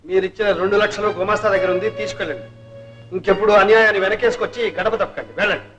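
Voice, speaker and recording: A man's voice: high-pitched, steady tone, rapid-fire, a bit bright. A stern upright young man. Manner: curt, firm, dismissive. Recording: old film soundtrack with music.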